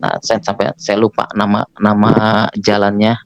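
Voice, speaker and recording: A man's voice: fairly low pitch, monotone, normal speed, no room sound. A man giving an earnest spoken testimony, telling his story and acting out the dialogue himself. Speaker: former preacher giving testimony.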